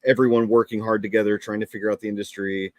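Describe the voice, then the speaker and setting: A male co-host of a comics chat show, enthusiastic and a little rambling, often searching for the right word. His voice sits fairly low and is recorded dry and close. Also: little pitch movement, fast talker, no echo. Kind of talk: casual interview chat.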